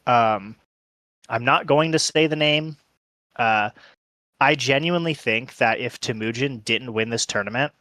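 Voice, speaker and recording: Bright-toned hesitant man, mid pitch. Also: dry recording. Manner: hesitant, full of ums, hedging opinions. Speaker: podcast co-host. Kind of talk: casual podcast discussion.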